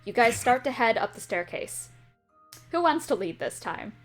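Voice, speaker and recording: A woman's voice: fairly high pitch, lively intonation, moderate pace, soft background music. A woman narrating a tabletop game as game master, with a playful, teasing manner.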